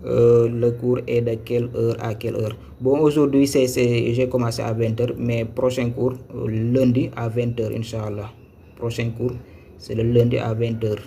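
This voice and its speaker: A man's voice: medium pitch, flat delivery, moderate pace, creaky, mellow, a little hiss or hum. A man teaching a live-streamed lesson on Quran reading, patient, repeating each step and checking if viewers follow. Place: Senegal.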